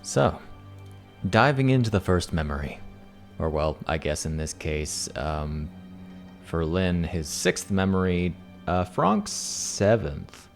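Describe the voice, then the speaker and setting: A man running a tabletop game as game master, chatting and narrating casually in a halting way, often correcting himself. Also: low voice, expressive, soft background music.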